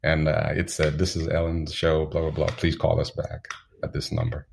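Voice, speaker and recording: A Zambian man, a guest in an interview, tells reflective stories in an extremely low, rough voice full of fry. He keeps his pitch level and his pace unhurried, chuckling now and then as he shares anecdotes over slight background noise.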